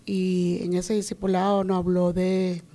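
Woman, interviewee, earnest storyteller, dark mellow tone. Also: lowish voice, little pitch movement, unhurried. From Venezuela. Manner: earnest, storytelling with many quoted exchanges. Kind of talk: personal testimony.

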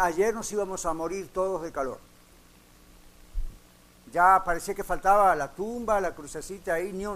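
A man preaching as pastor, telling stories with acted quotes. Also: high-pitched. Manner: lively storytelling with acted quotes. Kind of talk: sermon.

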